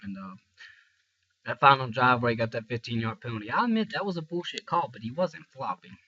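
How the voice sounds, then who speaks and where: A congested, tired young man who vlogs as a sports fan rants casually to camera about a game, rambling frankly and restarting a lot. His stuffy, husky voice sits at medium pitch and is expressive, fairly quick, bright and forceful. The recording is dull and lo-fi.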